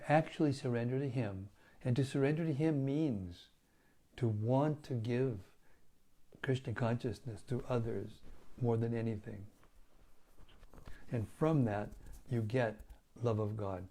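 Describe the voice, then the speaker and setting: A British-accented spiritual teacher reads scripture and reflects on it in measured, devotional tones. His medium-pitched, dark-toned voice is hoarse and failing, as he is losing it.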